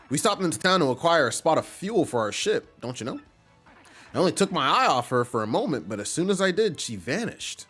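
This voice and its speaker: A man's voice: a little high, a bit bright, husky, voice pushed up, heavily acted. A man voicing a fussy old male mushroom butler, throaty, pompous and genteel.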